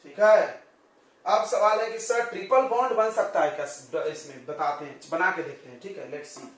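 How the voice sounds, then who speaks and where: A male coaching-class teacher giving a chatty chemistry lesson, joking with his students and firing quick questions at them. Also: high voice. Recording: very echoey classroom, distant mic.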